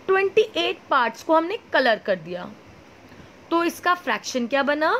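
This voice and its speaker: Woman, maths teacher, high voice, slow clear explaining, faint background noise. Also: a bit bright, rough recording. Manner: asks questions and answers them herself; slow, clear explaining with many checks like "okay?". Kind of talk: classroom lesson.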